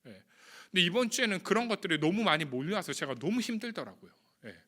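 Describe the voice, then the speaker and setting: A young male youth pastor gives a sermon in a high, very bright voice. He talks to the teenagers with earnest, confessional emotion, and his voice rises with feeling. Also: big pitch swings, fast talker. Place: church or home studio for online youth service.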